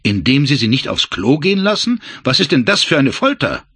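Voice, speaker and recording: A man voicing a blustering, resentful male Nazi officer who talks loudly and sneers. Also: medium pitch, sing-song, fairly quick, breathy edge, dry recording, voice pushed up, full character voice. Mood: sneering. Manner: loud, sneering, indignant.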